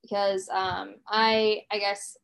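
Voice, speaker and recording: A woman's voice: medium pitch, flat delivery, slow, creaky, a bit bright, clean tone, low-quality recording. A woman in her thirties co-hosting a podcast, chatting casually and rambling with plenty of fillers and restarts. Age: 30s. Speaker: podcast co-host. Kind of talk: casual chat.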